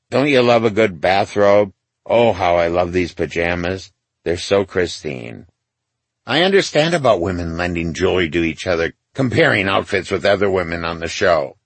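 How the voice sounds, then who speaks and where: A man's voice: low-pitched, lively intonation, moderate pace, husky, dry recording. A man in his sixties reading his memoir aloud to his mother, wry and confiding, with self-mocking asides. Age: 60s. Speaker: memoir author.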